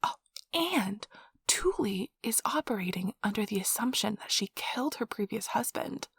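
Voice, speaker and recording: In this soft-spoken ASMR roleplay, a woman acts as a nerdy girlfriend who excitedly and affectionately rambles about tabletop gaming, gushing, giggly and chatty. Her soft, breathy, slightly husky voice sits at medium pitch, expressive and at normal speed. The close-mic recording is dry.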